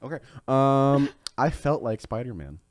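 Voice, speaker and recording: A man's voice: medium pitch, very animated, measured pace, no room sound, studio quality. A man co-hosting a casual podcast, joking around while reading out reviews as quiz questions. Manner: joking, playful, reads aloud with silly voices.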